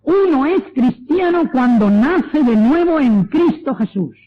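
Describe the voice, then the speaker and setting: A man from Spain with a Spanish accent, preaching his testimony to a congregation in an earnest, exhorting way and slowing down for emphasis. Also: very high-pitched, big pitch swings, dull audio.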